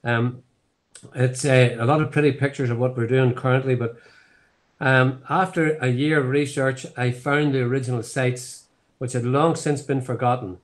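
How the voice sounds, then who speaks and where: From his home office on a video call, with sound coming through a laptop webcam, a man in his 70s from Northern Ireland, speaking in that accent, tells the story of founding his distillery during an online tasting conversation. He wanders off track and uses many fillers, speaking at a medium pitch with fairly even intonation and a moderate pace.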